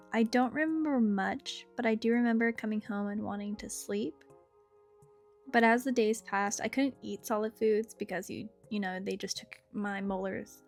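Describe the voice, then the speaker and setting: A young adult woman telling a personal story in a casual, chatty, conversational way. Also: medium pitch. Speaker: storyteller narrating own experience. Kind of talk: casual story time narration. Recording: guitar music behind the voice. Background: guitar music.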